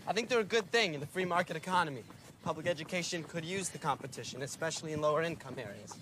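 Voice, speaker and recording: A man's voice: a little high, animated, fast talker. An actor playing a stiff, formal young male student candidate who speaks earnestly and precisely in a film. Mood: composed. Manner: formal, earnest, precise, builds to shouting in speech. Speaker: student candidate for school board. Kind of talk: film dialogue, campaign speech and debate prep. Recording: reverberant hall, faint noise.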